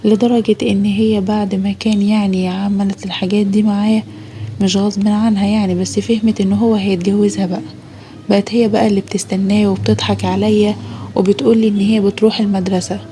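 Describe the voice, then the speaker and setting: Brief: middle-aged Egyptian woman, rapid confessional storyteller, dark mellow tone. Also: medium pitch, flat delivery, a little hiss or hum. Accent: Egyptian Arabic. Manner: confessional, dramatic retelling. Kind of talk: first-person audio story narration.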